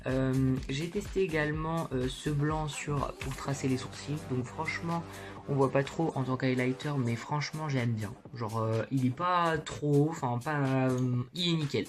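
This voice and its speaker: A woman's voice: very deep voice, normal speed, over music. A woman chatting informally and candidly to viewers in a slangy, casual makeup haul vlog, recorded in her bedroom. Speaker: beauty vlogger.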